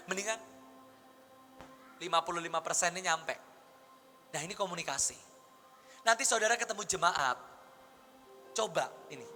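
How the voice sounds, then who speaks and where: Bright-voiced male pastor in an echoing hall. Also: high-pitched. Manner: lively, conversational preaching with rhetorical questions. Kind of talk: sermon teaching. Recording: long hall reverb with faint music.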